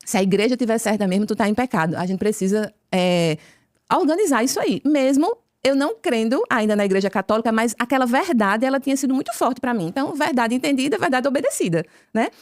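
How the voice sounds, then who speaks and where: Woman, Brazilian Portuguese accent, guest telling her testimony, animated storyteller acting out dialogue, rapid pace, dry close recording. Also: on the high side, no echo. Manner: lively storyteller who acts out dialogue. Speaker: podcast guest. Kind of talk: conversion testimony told as a story.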